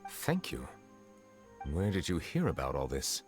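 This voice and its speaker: Video game judge: very low, formal, restrained, grave; faint music behind. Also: male voice, wildly swooping pitch, a little slow, heavily acted. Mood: composed. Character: grave, courteous Chief Justice, dragon in human form.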